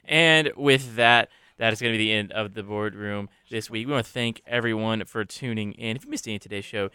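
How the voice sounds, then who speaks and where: A man's voice: lowish voice, brisk, sharp tone, smooth, no room sound. A young man hosting a college radio sports talk show in a studio, laid-back as he runs the segments and signs off. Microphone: studio microphone.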